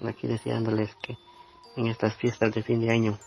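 A man from Guatemala, giving a rambling holiday blessing with pauses. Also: on the low side, completely flat delivery, vocal fry, darkish tone, soft background music. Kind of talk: recorded holiday greeting.

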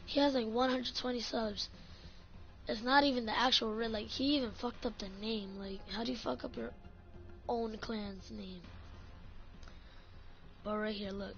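A woman's voice: fairly high pitch, steady tone, a little slow, creaky, pauses often. A woman ranting in a casual vlog about her gaming clan, swearing often and saying "like" a lot. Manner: ranting, profane, full of "like". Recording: dull lo-fi audio, faint music.

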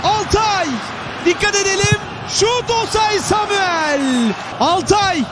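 A male football commentator screams the play at an extremely high pitch. He repeats short phrases urgently and stretches his calls out. Loud stadium noise roars behind him. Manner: screaming, drawn-out goal calls and urgent repetition of players' names. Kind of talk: excited live football match commentary. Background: loud outdoor match ambience.

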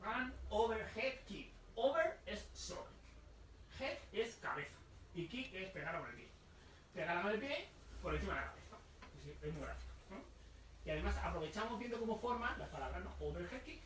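Guy giving a book talk to a crowd, explains slow and asks stuff, kinda far off mic in a roomy space. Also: high-pitched, very animated, a bit bright, a little hiss or hum. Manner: explains slowly, repeats words, asks the audience questions. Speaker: book author presenting his book. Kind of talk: live talk in a bookshop. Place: bookshop event room. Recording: echoey room, voice from far off.

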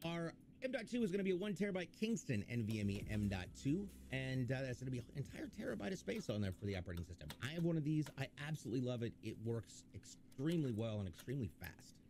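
Hosting a livestream PC build, a man chats, jokes and reads viewer questions aloud in casual stream talk. His medium-pitched voice is dark in tone, very animated and fast, with hardly any pauses. A faint hiss or hum sits under the audio.

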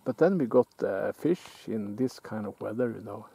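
A Norwegian outdoor vlogger fishes alone by a lake, chatting in English with a Norwegian accent in a relaxed, musing way, halting and restarting as he goes. His fairly low voice is creaky with a breathy edge. He's off camera, and a camera on the shore picks up this casual self-filmed commentary.

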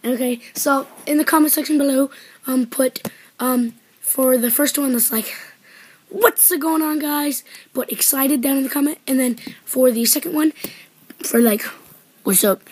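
A woman's voice: high-pitched, steady tone, moderate pace, a little mellow, slightly rough. A woman vlogging casually to her viewers, rambling with many fillers in an upbeat way. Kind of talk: casual vlog chat.

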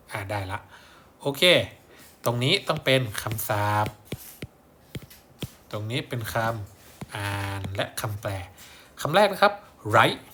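A man's voice: mid-range voice, a bit bright, slight background noise. A man teaching primary-school English in a recorded lesson, repeating words for pupils to copy. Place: at a whiteboard or screen.

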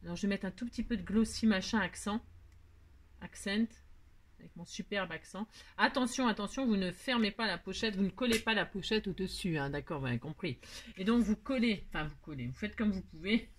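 A woman's voice: medium pitch, lively intonation, fast talker, slight background noise. A woman hosting a casual scrapbooking tutorial at home, chatting to viewers in a rambling, self-mocking way as she works. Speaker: craft tutorial host.

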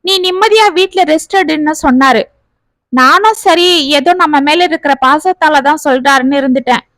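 Woman doing a hurt bitter young wife venting, high voice, dry close sound. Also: normal speed, fairly bright tone, no echo, rough recording. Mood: aggrieved.

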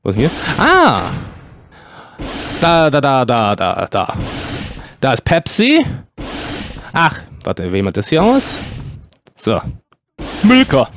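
Excitable gamer man, lively pitch. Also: takes it slowly, long pauses. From Germany. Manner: excitable, exclaiming and yelping. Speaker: gaming YouTuber. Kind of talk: excited let's-play commentary.

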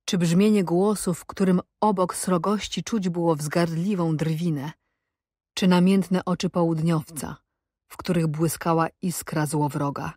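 A woman with a fairly low voice narrates an audiobook from a script, keeping her storytelling measured and even. The studio-quality recording has no room sound.

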